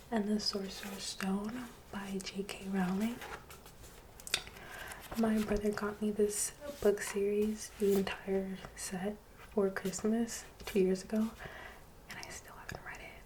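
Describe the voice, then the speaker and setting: A woman doing soft-spoken ASMR reading, drifting between a hushed voice and a whisper. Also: mid-range voice, level tone, unhurried. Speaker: ASMR channel host. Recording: street noise in background. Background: street traffic.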